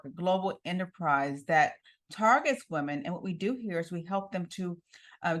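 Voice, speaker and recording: Upbeat woman hosting a show. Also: on the low side. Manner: enthusiastic, laughing often. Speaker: TV show host. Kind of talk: hosting an interview.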